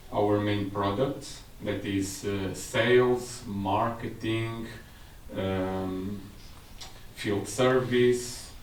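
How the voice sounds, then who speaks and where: A man in his thirties with a Portuguese accent presents technical material at a seminar before a large audience, explaining things with slightly non-native phrasing. His voice is fairly low, and the conference talk is captured from far off in an echoey room with slight background noise.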